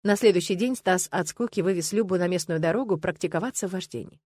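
A woman narrating a novel in an even, measured reading. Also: on the low side, breathy edge, no room sound, studio quality. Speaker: audiobook narrator. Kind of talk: scripted narration.

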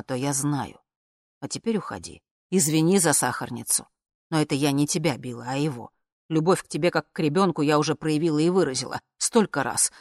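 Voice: medium pitch, no echo, natural voice. A reader voicing a bitter, furious older mother who screams and scorns, in a dry studio reading. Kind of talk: audiobook character reading.

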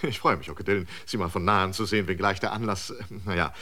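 In a science fiction radio drama, a man plays an officious, prying airfield manager, speaking in a clipped way and tacking on little questioning interjections. His voice is low, fast and sharp, with a probing, officious mood.

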